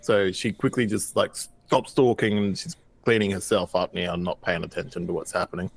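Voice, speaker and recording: A man's voice: low-pitched, fairly even intonation, moderate pace, vocal fry. A man in a tabletop game, playfully describing what his character is doing.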